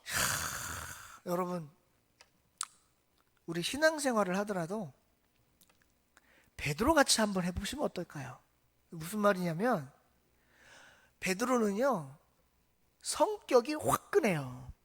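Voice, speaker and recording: A woman pastor preaching a sermon in an animated storytelling manner, often asking the congregation questions. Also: medium pitch, a little slow, pauses often, husky.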